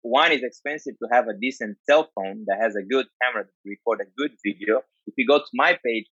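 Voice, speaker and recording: A man with an Angolan accent talks informally, explaining things in a conversational way. His pitch is average for a man, and he often repeats and lists words for emphasis. The recording is somewhat dull and lo-fi. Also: fast talker, a bit bright, slightly rough, dry recording. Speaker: dance culture speaker.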